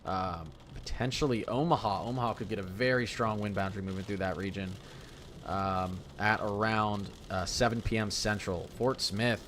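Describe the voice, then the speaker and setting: Low-voiced man giving live weather commentary. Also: steady tone, moderate pace, fairly bright tone, slight background noise. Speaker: live severe weather stream host.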